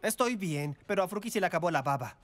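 A woman voicing a small, playful, excitable furry animal sidekick in an exaggerated children's cartoon style. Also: fairly low pitch, fast talker, dry recording, natural voice. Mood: grumbly. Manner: exclamatory, exaggerated cartoon delivery. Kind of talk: animated children's show dubbing.

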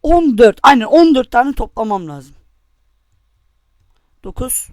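A young man with a very high voice rages and swears through his gameplay commentary. His recording is close and dry, with no room sound around it. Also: animated, slow pace, dry recording. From Turkey. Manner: angry, cursing, taunting. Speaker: gamer.

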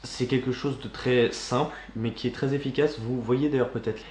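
A man co-hosting a casual magic news show, presenting items in a steady, informative way. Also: medium pitch, moderate pace, roomy sound, slight background noise. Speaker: co-host.

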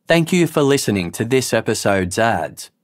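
A man narrating a true-crime podcast in a measured, sober, scripted way. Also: medium pitch, big pitch swings.

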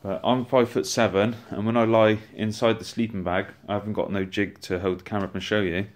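Brief: a man, lowish voice, relaxed and chatty, reviewing gear on a handheld phone at home. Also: fast talker. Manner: chatty, relaxed, with frequent restarts. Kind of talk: casual product walkthrough. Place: indoors at home, on a rug.

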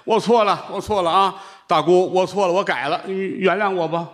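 A man playing a foolish, weeping male vegetable peddler who whines and sobs in a high voice. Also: fairly even intonation, fairly quick, fairly bright tone. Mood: pleading. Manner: whining and sobbing in a high voice.

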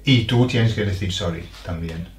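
A man's voice: sits low, moderate pace, creaky. A man from England with an English accent, a native English speaker co-hosting a bilingual chat and patiently explaining phrases. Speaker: co-host, English teacher. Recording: echoey room with faint noise.

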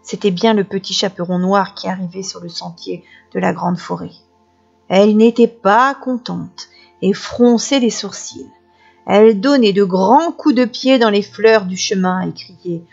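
A woman's voice: mid-range voice, creaky, slightly rough. Woman reading a children's story aloud. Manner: lively, dramatic narration. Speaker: kindergarten teacher reading aloud. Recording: dull lo-fi recording, faint music.

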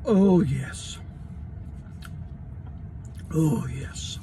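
A woman doing a casual taste-test vlog, talking while chewing with folksy, drawn-out savoring murmurs. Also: deep voice, animated, distant mic, background noise. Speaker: food vlogger.

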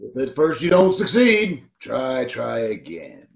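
An actor playing a pompous, sententious company boss who talks like a copybook in an old-time radio comedy, recorded over a video call. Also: male voice, medium pitch, big pitch swings, takes it slowly, gravelly, full character voice. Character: pompous, proverb-spouting male company boss.

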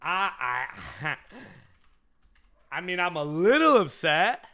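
A young man giving loud, excitable commentary while opening game packs, jumping between shouted hype and muttered swearing. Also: a little high, slow. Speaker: gaming YouTuber opening packs.

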